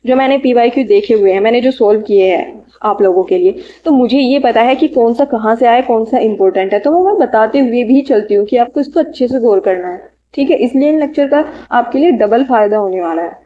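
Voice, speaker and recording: A woman teaching exam vocabulary, listing synonyms in short bursts and adding quick study tips. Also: a little high, lo-fi sound, a little hiss or hum. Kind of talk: reading out synonym lists for an exam lecture.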